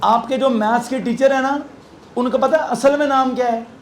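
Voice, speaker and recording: A man with a Pakistani Urdu accent, pitched high for a man, teaches a physics lesson in a classroom. He talks conversationally and keeps quizzing his students with playful asides, over faint room ambience. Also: steady tone, moderate pace, slight background noise. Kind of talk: classroom lecture.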